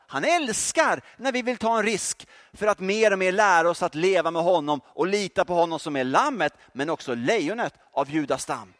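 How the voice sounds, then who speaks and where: A male preacher giving a lively sermon, joking and speaking directly to the congregation. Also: a little high. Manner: animated, joking, addresses audience directly.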